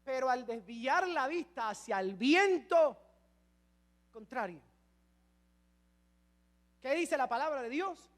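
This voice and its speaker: A man preaching a sermon as a pastor, chatting with humor, then dropping to hushed asides and rising to shouted climaxes. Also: extremely high pitch, lively intonation, slow pace, long pauses. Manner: conversational and humorous with the congregation.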